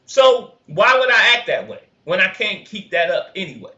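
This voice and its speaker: Here a man co-hosting a relaxed podcast chat, by his own account high-voiced with a dumb laugh, reacts at a moderate pace. He's animated and laughs often, getting loud whenever he stresses a point, in a roomy, muffled lo-fi recording.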